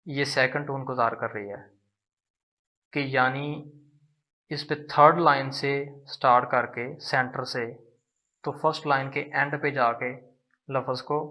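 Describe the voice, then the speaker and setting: A man teaching a language lesson, explaining slowly and patiently and repeating syllables to demonstrate them. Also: medium pitch, bright, forceful tone. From Pakistan.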